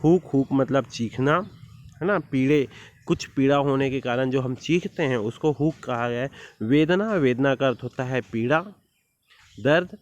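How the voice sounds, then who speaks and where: A man teaching a school poetry lesson, reciting verse lines slowly and explaining each word, often checking with "है ना?". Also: mid-range voice, lo-fi sound.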